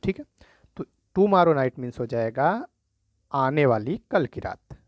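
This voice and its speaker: A man teaching a children's spelling lesson, slowly spelling words letter by letter and often checking in with "thik hai". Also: medium pitch, big pitch swings, no room sound, dull audio.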